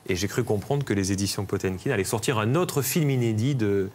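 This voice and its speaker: A man reviews a film in a TV studio, speaking keenly and recommending it. His voice sits on the low side of ordinary. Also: fairly quick, a little mellow. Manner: enthusiastic, recommending. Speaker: film columnist.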